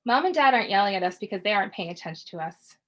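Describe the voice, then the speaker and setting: A woman with a medium-pitched voice, the author at a book launch, gives a first-person reading of literary fiction. Her delivery is quiet, measured, and steady, never hurried.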